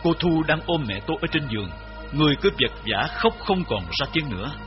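A man reading his memoir aloud as narrator, in a grave, measured storytelling voice. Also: on the high side, very animated. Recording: slightly dull recording with faint music.

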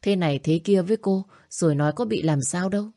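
A woman narrating a family story in a steady, even reading voice. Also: lowish voice, fast, dry recording, studio quality.

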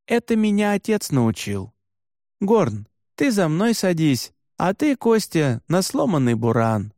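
A man's voice: high-pitched, big pitch swings, a little slow, darkish tone, no room sound, clean studio sound, full character voice. A man reading as a cheerful young herder. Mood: upbeat. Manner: easygoing, upbeat. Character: cheerful young Nenets reindeer herder, never discouraged. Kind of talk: audiobook dialogue.

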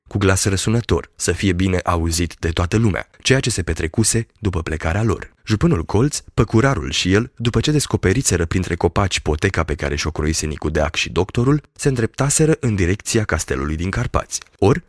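A man reading a classic novel aloud as an audiobook, in steady, measured storytelling narration. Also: deep voice, dry recording, studio quality. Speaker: audiobook reader. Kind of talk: scripted literary narration.

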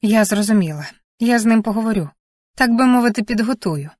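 Audiobook: woman narrator voicing sharp-eyed young woman, teasing, probing, dry booth sound. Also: on the high side, expressive, fairly quick, no echo, natural voice. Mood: reassuring. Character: young woman, perceptive and caring. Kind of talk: audiobook character reading.

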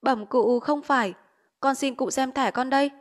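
A woman's voice: high-pitched, moderate pace, pitched above the performer's own voice, lightly acted. A woman reading a novel aloud and voicing a frightened young man who pleads humbly. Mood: pleading. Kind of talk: audiobook character voice.

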